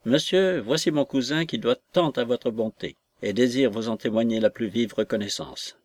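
A kindly landlady, quick to exclaim and fuss, voiced by a man reading aloud. The recording is dry and close. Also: mid-range voice, no echo, close to an everyday voice. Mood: polite. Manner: excitable exclamations. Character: kindly landlady, excitable and fussing.

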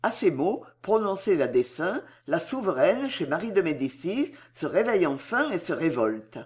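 Woman audiobook reader, lowish voice, very lively delivery, dramatic novel narration. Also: normal speed. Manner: expressive, dramatic storytelling. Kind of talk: reading a historical novel aloud.

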